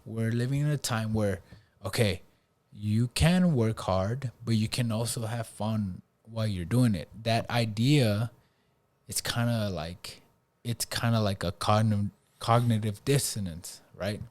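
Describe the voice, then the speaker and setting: A man's voice: on the low side, unhurried, darkish tone. A man hosting a podcast in a casual chat, laid-back and tagging his points with "bro" and "right?". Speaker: podcast host.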